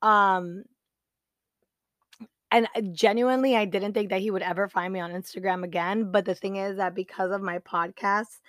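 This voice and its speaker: A woman's voice: mid-range voice, fairly even intonation, moderate pace, no room sound. A young woman hosting a podcast, telling a personal story in a casual, chatty way with lots of fillers and acted-out quotes. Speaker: podcast host.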